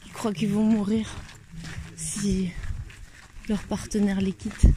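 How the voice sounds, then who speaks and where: A woman's voice: mid-range voice, flat delivery, slow, noisy background. A woman hosting a casual walking chat, playful and laughing often. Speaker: host. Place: outdoors in the countryside.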